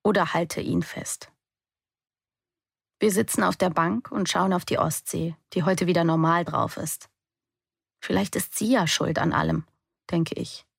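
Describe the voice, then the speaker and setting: A woman's voice: lowish voice, fairly even intonation, measured pace, gravelly, pauses often, breathy edge, dry recording, studio quality. A young adult woman giving an intense, emotional first-person audiobook narration.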